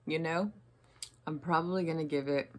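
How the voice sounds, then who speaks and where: A woman's voice: deep voice, fairly even intonation, normal speed. A woman co-hosting a casual snack review, chatting in an easygoing, teasing way. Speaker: co-host tasting food.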